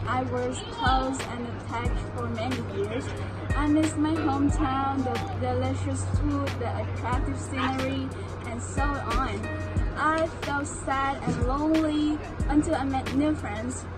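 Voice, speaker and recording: A woman's voice: high voice, rough recording. A young woman from Vietnam with a Vietnamese accent, an international student earnestly describing her challenges in careful, non-native phrasing. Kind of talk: scripted personal account. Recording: loud music and crowd chatter behind.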